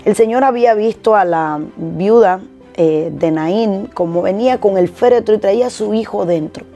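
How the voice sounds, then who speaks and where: Woman pastor, earnest exhorting sermon, mellow voice, faint music underneath. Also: medium pitch, moderate pace, muffled recording. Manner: earnest, exhorting, repeats key phrases. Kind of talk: short devotional sermon.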